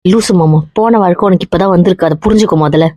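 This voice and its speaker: A woman's voice: fairly low pitch, very fast, dark tone, no echo, close to an everyday voice. Woman doing a blunt married cousin, pushy and caring, keeps going "get it?", muffled dry audio. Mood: blunt teasing. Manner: bossy, lecturing, keeps asking "understand?". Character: young married woman, blunt and protective toward her heartbroken cousin. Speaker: actor in a web drama. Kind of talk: web series drama acting.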